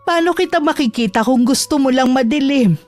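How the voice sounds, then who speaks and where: A woman playing a worried, tender grandmother in a horror audio drama, coaxing her grandchild gently. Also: high-pitched, brisk, faint music behind, lightly acted.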